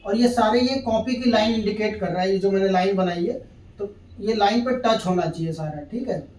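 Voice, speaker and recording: A man's voice: sits high, a little fast, darkish tone. A man teaching shorthand at a board, patiently repeating each step and checking in with his students. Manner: patient, repeats steps, keeps checking in with "thik hai". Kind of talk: classroom lesson at a board. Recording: echoey room, mic at a distance.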